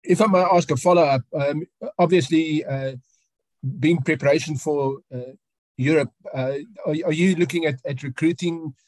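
A male journalist, haltingly asking questions at an online press conference. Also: fairly high pitch, fairly even intonation, dry recording, rough recording. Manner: halting, searching for words. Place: remote video call.

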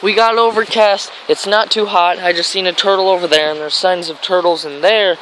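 An American fishing vlogger rambles enthusiastically while filming on a grassy riverbank, his voice high, steady, a little fast, and a bit bright. The rough recording comes from a handheld camera mic, picking up stream and traffic noise.

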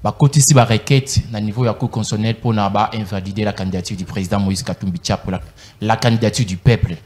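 A man's voice: on the low side, steady tone, fast, a little mellow, reverberant. A young man speaking as a guest in a TV studio, arguing his point emphatically into a handheld mic. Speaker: political guest. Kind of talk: animated political argument.

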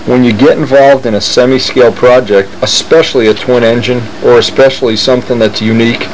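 Enthusiastic man rambling over a steady hum. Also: mid-range voice, creaky, poor audio. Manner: enthusiastic, rambling, thinking aloud. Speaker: model aircraft builder showing plans. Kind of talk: casual show-and-tell narration.

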